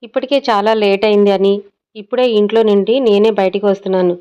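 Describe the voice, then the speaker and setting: A woman's voice: mid-range voice, steady tone, fast, warm tone, clear, resonant tone, natural voice. A woman voicing a vain, scheming young woman who talks in a boastful way, in a dull lo-fi audio story recording. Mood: smug. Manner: smug and boastful.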